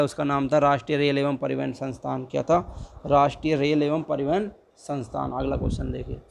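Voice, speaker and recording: Young male tutor, fairly high voice with a faint hiss behind, talks viewers through exam answers in a casual, repetitive way. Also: gravelly, a little mellow. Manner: chatty, repeats answers, urges viewers to like. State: dry throat.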